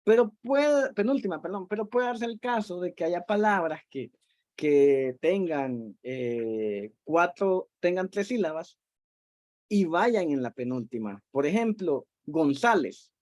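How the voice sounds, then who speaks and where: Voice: medium pitch, darkish tone, no echo, clean studio sound. Patient teacher explaining with many fillers. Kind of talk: online class explanation. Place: at home.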